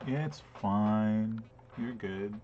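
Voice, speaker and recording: A man running a tabletop game, narrating casually with many fillers and pauses. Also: lowish voice, crowd noise. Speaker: game master. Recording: dull lo-fi stream audio.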